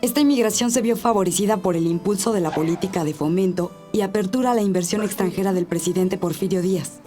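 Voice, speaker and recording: A woman giving a scripted, even and informative narration. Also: mid-range voice, quick pace, faint music behind.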